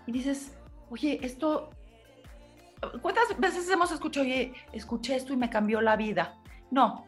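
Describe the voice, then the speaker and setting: A woman, a life coach guest who explains in a lively, encouraging way. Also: high-pitched. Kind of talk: conversational interview.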